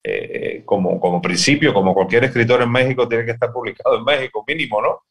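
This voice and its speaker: A man's voice: medium pitch, fast talker, a bit bright. A man from Cuba with a Cuban Spanish accent, answering interview questions as a guest artist, hesitant with many fillers and restarts.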